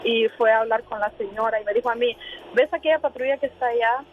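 A woman's voice: fairly high pitch, fast, a little hiss or hum. A woman calling in from her car, telling a personal story with many hesitant fillers. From Honduras. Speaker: caller. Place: in a moving car. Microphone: phone. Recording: tinny phone line.

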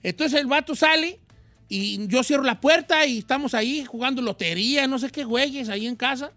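High bright-voiced man telling a story. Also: brisk, dry recording, faint music behind. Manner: animated slangy storytelling, acts out voices. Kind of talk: casual storytelling chat.

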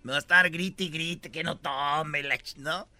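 Bright, high-voiced Mexican host. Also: male voice, unhurried, faint music behind. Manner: animated, slangy, acts out quotes. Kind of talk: casual commentary on viral videos.

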